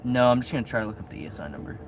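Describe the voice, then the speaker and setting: A man's voice: medium pitch, expressive, racing. A man explaining electrical parts in a matter-of-fact way, heard from some distance outdoors. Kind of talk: explaining technical details. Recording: distant voice over loud outdoor noise.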